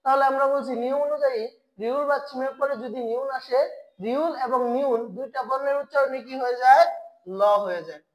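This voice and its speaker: Teaching Korean pronunciation online, a woman whose voice sits high answers her own questions and goes over important sounds slowly for her students. The audio quality is poor.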